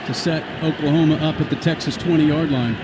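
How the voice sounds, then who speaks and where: A man's voice: a little high, a little fast. A man giving conversational color commentary on a live radio football broadcast. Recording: noisy live outdoor stadium broadcast.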